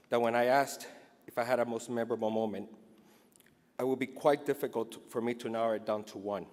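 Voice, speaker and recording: His mid-range voice has a darkish tone as this middle-aged Cuban award recipient delivers an earnest, emotional acceptance speech. Part of it is read from notes, and the large indoor awards hall gives the recording a long, echoing reverb.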